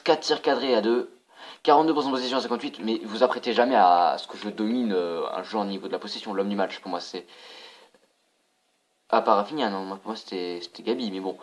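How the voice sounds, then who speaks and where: A young man casually commentating his own football video game for viewers, excitable and prone to swearing. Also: on the low side. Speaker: gaming channel host.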